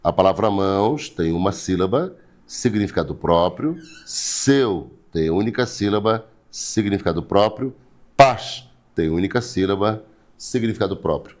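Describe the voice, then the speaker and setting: A man's voice: low voice, animated, unhurried, darkish tone. A Brazilian man teaching an online writing class, repeating key points step by step and reading viewers' names. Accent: Brazilian Portuguese. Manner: repetitive, explains step by step, asks rhetorical questions; greets viewers by name, blesses them.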